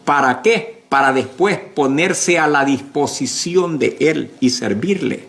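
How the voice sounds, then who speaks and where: Pastor guy preaching slow, gravelly voice, pitch jumps all over. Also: animated, a bit bright. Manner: slow, emphatic preaching with many fillers and repeated words. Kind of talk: sermon.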